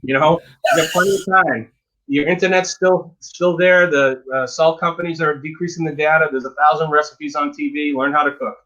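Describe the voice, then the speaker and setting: A man's voice: a little high, fairly even intonation, moderate pace, pushed and bright, highs cut off. A dentist giving frank, emphatic advice in a casual interview, often repeating words as he talks.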